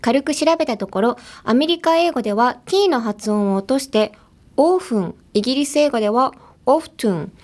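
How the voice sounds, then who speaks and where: A young American woman from Los Angeles hosts a podcast, her fairly high, slightly mellow voice moving briskly with few pauses. She chats casually in American English, laughing often as she switches between languages.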